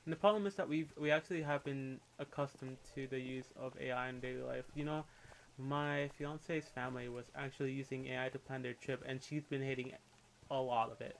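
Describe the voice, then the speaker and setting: On a low-quality recording with a little hiss or hum, a young adult man from Puerto Rico talks on a livestream. His creaky, medium-pitched voice stays fairly even while he chats and rants with blunt opinions and casual swearing.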